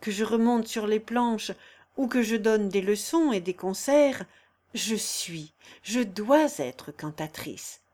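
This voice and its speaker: A woman's voice: mid-range voice, slow pace, a little mellow, close to an everyday voice. A woman reading the part of a proud young singer who speaks earnestly and with passion in a storybook. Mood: impassioned.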